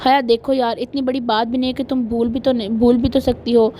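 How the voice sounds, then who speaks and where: A woman's voice: a little high, little pitch movement, dark tone, slight background noise, close to an everyday voice. A woman reading as an earnest, remorseful young husband. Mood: longing, hesitant. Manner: coaxing, earnest.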